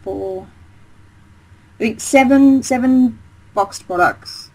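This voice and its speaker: The recording is rough, and the woman's voice sits a little high, slow and slightly mellow. She's a game designer from Essex, England, chatting casually in an interview about her career, rambling with plenty of fillers, restarts and eager energy.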